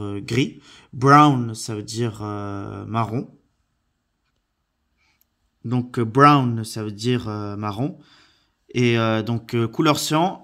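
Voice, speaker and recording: A man teaching vocabulary from slides, hesitant with many fillers, repeating words slowly and carefully. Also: mid-range voice, fairly bright tone. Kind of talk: slide-based vocabulary lesson.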